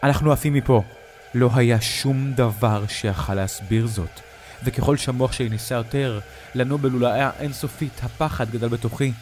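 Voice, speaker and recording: A man narrating a horror story, dramatic and slowing down at the frightening moments. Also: mid-range voice, fairly even intonation, a little mellow, slight background noise. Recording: narration over music.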